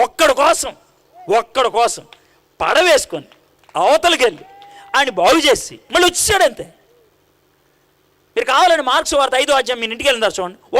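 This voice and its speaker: High, bright-voiced male preacher. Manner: animated storytelling, acting out dialogue and quizzing the congregation. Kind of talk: sermon.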